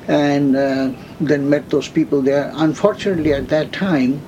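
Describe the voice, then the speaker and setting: Older man from India, slow halting telling. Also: on the high side, darkish tone, a little hiss or hum, poor audio. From India, West Bengal. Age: 70s. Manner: slow, halting storytelling with many fillers. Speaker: interviewee. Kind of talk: oral history interview.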